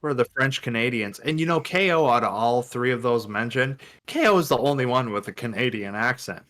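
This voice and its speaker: A man's voice: medium pitch, lively intonation, brisk, a bit bright. A man co-hosting a wrestling podcast, chatting casually and slipping into mock voices for quotes. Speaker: podcast co-host.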